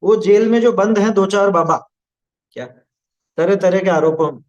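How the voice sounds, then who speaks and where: A man's voice: sits high, normal speed, dull audio. A man giving a spoken religious discourse as a scripture teacher, explaining patiently and often checking with listeners that they follow. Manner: explains patiently, asks listeners "है ना?" and "आया समझ में?".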